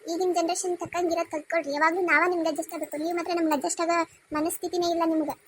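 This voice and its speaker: A woman's voice: very high voice, level tone, racing, fairly bright tone, a little hiss or hum. A woman voicing a young modern daughter-in-law with a North Karnataka Kannada accent, speaking politely and pleading. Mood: defiant.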